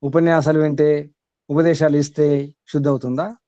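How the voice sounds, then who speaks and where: Higher-voiced man teaching a spiritual discourse. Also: little pitch movement, moderate pace, dark tone, no echo. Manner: repeats key words and asks the audience rhetorical questions; chuckles between points. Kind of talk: question-and-answer spiritual discourse. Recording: slightly dull, dry recording.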